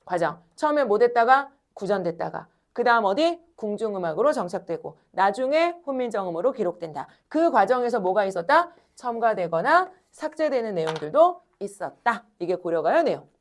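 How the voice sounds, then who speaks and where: A woman teaching a classroom lecture, talking straight to her students, asking questions and answering them herself, and stretching words slowly when she demonstrates. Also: medium pitch. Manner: animated, addresses students directly, asks and answers own questions.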